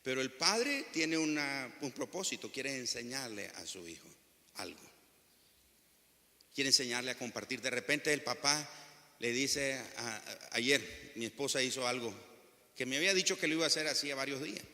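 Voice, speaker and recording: Bright-voiced preacher in a reverberant hall. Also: male voice, mid-range voice, lively intonation, normal speed. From Nicaragua. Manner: impassioned preaching with stories. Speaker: pastor. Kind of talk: sermon. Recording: long reverb of a church hall.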